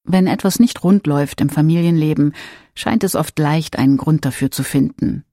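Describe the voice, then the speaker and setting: Man, calm scripted reading, slightly high voice, dry close sound. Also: moderate pace, no room sound. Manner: calm, addresses listeners directly. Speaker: narrator of a parenting text.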